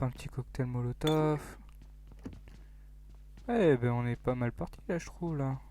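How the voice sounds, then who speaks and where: Joking young gamer. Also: male voice, medium pitch, dark tone, slight background noise. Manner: joking, self-mocking, rambling with fillers; drops to near-whispers in tense moments. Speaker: gaming YouTuber. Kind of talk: casual mobile game commentary.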